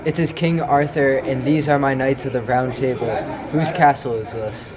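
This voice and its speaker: A man's voice: mid-range voice, fairly even intonation, normal speed, crowd noise, lightly acted. An actor playing an earnest, stately King Arthur who speaks formally and grows exasperated. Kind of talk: comic film scene.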